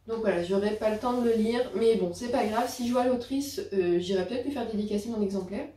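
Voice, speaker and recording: Speaking briskly in a mellow, medium-pitched voice, a book vlogger chats casually about her latest book haul. She uses lots of fillers and corrects herself often, and the recording sounds roomy, with her a little distant from the mic.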